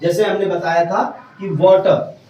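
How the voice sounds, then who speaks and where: High-voiced male teacher in an echoey classroom. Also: little pitch movement, measured pace, mellow, slight background noise. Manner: keeps checking if students understood. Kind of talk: classroom grammar lecture. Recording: echoey room from far off.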